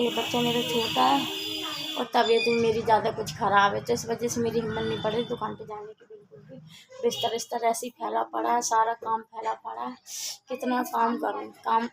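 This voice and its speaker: A woman's voice: fairly high pitch, rough recording. A young woman chatting in a casual home vlog, feeling unwell and complaining in a rambling, repetitive way. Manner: chatty, complaining, repeats herself a lot. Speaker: vlogger. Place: at home indoors.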